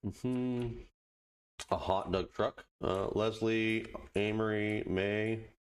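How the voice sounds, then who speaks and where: A man giving casual let's play commentary, muttering halting asides to himself and reading on-screen text aloud. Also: lowish voice, fairly even intonation, clean tone. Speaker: gaming video host.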